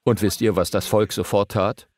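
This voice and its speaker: A man's voice: fairly low pitch, fairly even intonation, normal speed, darkish tone. A man preaching a sermon, emphatic and full of rhetorical questions to his listeners.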